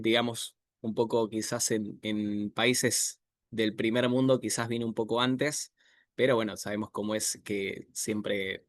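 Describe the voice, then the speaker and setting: A man in his thirties from Argentina with an Argentine accent, giving a relaxed online presentation over a video call with many filler pauses. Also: on the low side, dry recording, studio quality. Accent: Argentine Spanish. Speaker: guest speaker, software architect.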